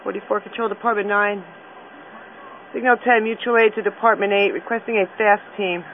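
A man's voice: high-pitched, steady tone, fairly quick. A man working as an emergency dispatcher, giving clipped, formal fire radio announcements and repeating each call. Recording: tinny, static-laden two-way radio.

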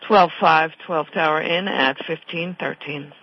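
A man reading formal fire dispatch announcements over two-way radio in measured, clipped, procedural phrases. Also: on the high side. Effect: two-way radio transmission. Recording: dull radio channel, faint static.

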